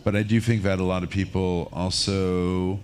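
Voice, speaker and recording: A man from France speaking as a guest on a festival stage, candid and relaxed, talking in loose rambling bursts. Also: sits low, normal speed, a little hiss or hum. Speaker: film finance executive, keynote guest. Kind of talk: onstage conversation. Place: stage at a film festival market.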